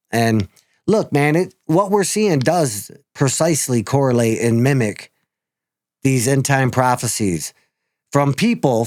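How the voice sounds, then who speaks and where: A man's voice: mid-range voice, a little mellow, dry recording, studio quality. A man hosting his own video channel, talking in a casual monologue that halts often, repeats words and swears casually. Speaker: video host.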